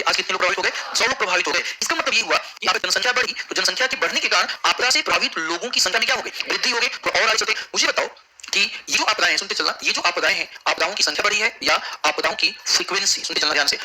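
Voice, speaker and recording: Male geography teacher, rapid-fire call-and-response lecturing, high bright voice, faint room noise. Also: rough recording. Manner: drills students with repeated questions. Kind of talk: classroom lecture. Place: classroom.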